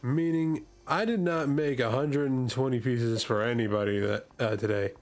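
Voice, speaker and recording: A man's voice: medium pitch, moderate pace. A man telling a story in casual chat, rambling, laughing often and swearing freely. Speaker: streamer. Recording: faint background noise.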